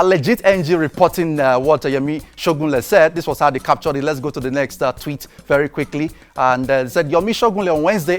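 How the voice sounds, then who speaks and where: A Nigerian man hosting a TV news show, commenting on social media and reading tweets aloud with frequent fillers. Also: on the high side. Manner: conversational, many fillers, reads quotes aloud. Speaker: TV news host.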